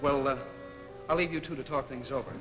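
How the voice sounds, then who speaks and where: An actor playing a kindly, coaxing hospital attendant in 1940s film style. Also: male voice, medium pitch, steady tone, fairly quick, lightly acted. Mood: easygoing. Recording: echoey old film soundtrack, loud music.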